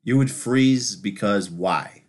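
A man's voice: fairly low pitch, takes it slowly. A man in casual podcast banter, blunt and full of needling questions, recorded through a laptop's built-in microphone. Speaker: podcast co-host. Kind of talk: casual unscripted podcast chat. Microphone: built-in laptop microphone, no studio gear.

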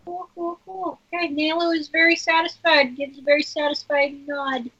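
A woman's voice: high-pitched, steady tone, moderate pace, sharp tone. A woman chatting playfully and casually as a player in a tabletop role-playing game, on lo-fi audio. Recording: dull, lo-fi audio with noise.

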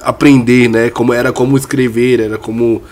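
A man's voice: mid-range voice, level tone, brisk, darkish tone. A man with a Brazilian Portuguese accent in a casual chat, talking informally with slang and some swearing.

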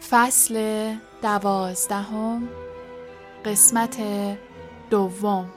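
A woman narrating an audiobook in a measured, storytelling manner. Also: medium pitch, fairly even intonation, over music. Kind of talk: scripted narration.

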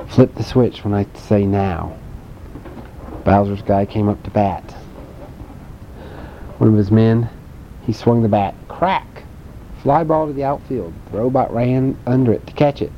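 A man's voice: fairly even intonation, normal speed. A man telling a playful made-up bedtime story, adding sound effects and asking the listener questions. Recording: dull lo-fi home recording with faint rumble.

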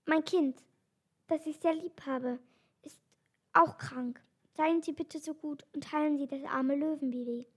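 A woman's voice: sits high, brisk. A woman reading aloud and voicing a proud male lion who has become ashamed and speaks hesitantly. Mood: shy.

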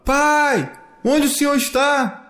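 A man voicing Adrien, an eager young boy who keeps calling out in a high voice for his father. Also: slow, fairly bright tone, heavily acted. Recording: echoey room.

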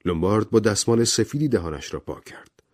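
A man narrating an audiobook novel in an expressive, dramatic reading style. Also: lowish voice, no room sound, studio quality.

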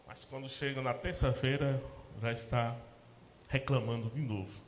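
A man with a Brazilian Portuguese accent, a pastor preaching a sermon in church, rising to loud emphatic peaks and dropping to soft, low asides. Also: fairly even intonation, moderate pace, slight background noise. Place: church sanctuary. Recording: echoey church hall with long reverb.

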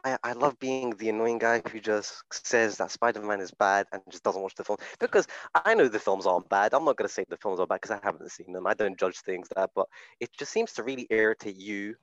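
A man's voice: on the low side, a little fast, few pauses, a bit bright, no echo, dull audio. A man who is a podcast guest, chatting casually and teasing his host, swearing now and then, talking into a phone. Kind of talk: casual chat.

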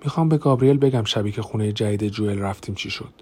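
A man's voice: lowish voice, husky. A man voicing a tense young woman who confronts her brother-in-law sharply in an audiobook. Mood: confronting. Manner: sharp and heated. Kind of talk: audiobook character voice.

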